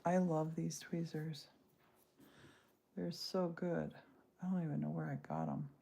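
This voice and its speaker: In her sixties, she crafts while chatting casually on a livestream from her home studio, her talk rambling and self-interrupting, recorded on the device mic. The voice sits low and dark with vocal fry, a little slow and fairly even in intonation, against slight background noise.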